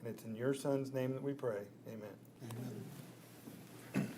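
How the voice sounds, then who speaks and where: A man's voice: mid-range voice, fairly even intonation, moderate pace. Man leading a meeting, noisy room. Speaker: county commissioner chairing meeting. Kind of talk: public meeting address and plain extemporaneous prayer.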